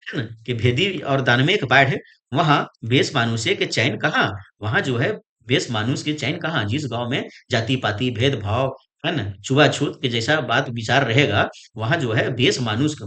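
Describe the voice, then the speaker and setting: A man's voice: medium pitch, fairly bright tone. A male teacher with a Jharkhand Khortha-inflected Hindi accent, giving an exam-prep lecture. He repeats each phrase and keeps asking "है ना?" to check that students follow.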